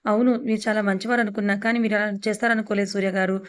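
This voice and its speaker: A woman reading a gentle, teasing young woman. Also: mid-range voice, fairly even intonation, rapid-fire, smooth, close to an everyday voice. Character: young woman, gentle but jealous girlfriend.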